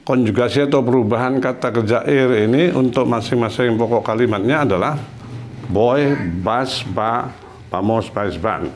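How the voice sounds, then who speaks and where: A man explains a beginner language lesson at a medium pitch, with patient and unhurried delivery. He repeats each example sentence slowly so learners can follow. A faint hiss sits under his voice. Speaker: language teacher.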